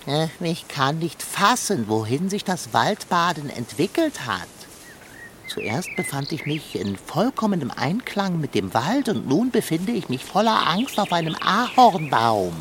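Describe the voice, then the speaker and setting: A woman's voice: low voice, big pitch swings, measured pace, background noise. A woman playing a pompous, gloomy male companion in a children's radio play, speaking in grand, old-fashioned phrases. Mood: dismayed.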